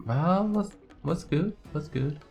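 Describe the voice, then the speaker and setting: A man's voice: a little high, animated, slow, vocal fry, darkish tone. A man hosting a game livestream, chatting casually and muttering asides as he plays. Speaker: game streamer, host. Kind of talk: casual livestream chat and gameplay commentary. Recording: faint background music.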